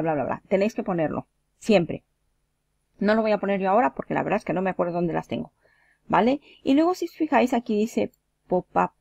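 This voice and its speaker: A woman's voice: medium pitch, gravelly, a little mellow, no room sound. A woman from Mexico teaching web marketing, talking casually through each click step by step in a screen-share tutorial.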